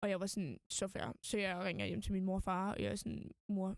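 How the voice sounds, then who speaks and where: A young woman speaking as a podcast guest, recounting events in a loose, rambling way with lots of fillers and quoted inner thoughts. Her voice sits at an ordinary middle pitch. The sound is dry and close, with no room echo. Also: fairly even intonation, darkish tone. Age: young adult. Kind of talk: casual storytelling interview.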